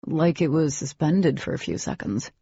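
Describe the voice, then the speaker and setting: A man's voice: a little high, big pitch swings, normal speed, creaky, mellow, slightly rough, no echo, highs cut off, heavily acted. A woman voicing a friendly, easygoing teenage boy who talks in a casual, open way. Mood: earnest.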